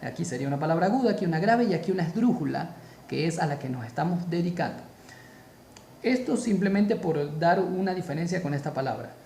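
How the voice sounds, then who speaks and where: Slow, deliberate man teaching grammar. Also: on the high side, lively intonation, vocal fry, a little mellow, reverberant, a little hiss or hum. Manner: slow, deliberate, repeats key terms for emphasis. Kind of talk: spoken grammar lesson.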